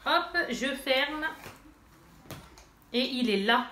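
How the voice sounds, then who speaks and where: A chatty woman vlogger talks straight to her viewers, with a stuffy nose and plenty of fillers. Her voice sits a little high. The room is echoey, with faint noise behind her. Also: drawn-out words, sharp tone. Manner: chatty, addresses viewers directly, many fillers. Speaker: beauty vlogger. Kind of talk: casual haul and swatch demo.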